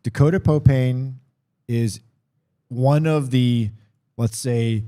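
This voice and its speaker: A man's voice: medium pitch, takes it slowly, warm tone. A man giving conversational live sports commentary on a race, thinking aloud and correcting himself as he goes.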